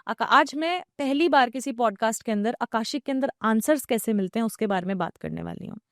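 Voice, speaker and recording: A woman's voice: on the high side, lively intonation, brisk, dry recording, studio quality. A woman podcast guest, an Akashic record reader, explaining her practice at length and mixing English phrases into her talk.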